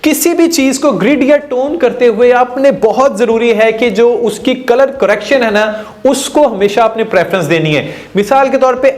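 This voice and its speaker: A man's voice: very high-pitched, moderate pace, hardly any pauses. A man giving a screen-recorded video editing lesson, explaining each step and mixing English terms into his talk, with hesitant fillers. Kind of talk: screen-recorded software tutorial.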